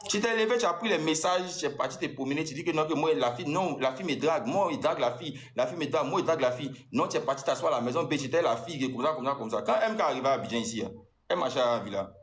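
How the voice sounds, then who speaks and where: Fast-talking agitated Ivorian man. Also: a little high, animated, echoey room. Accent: Ivorian French. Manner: agitated and accusing, repeating himself. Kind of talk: heated personal account addressed to an ex.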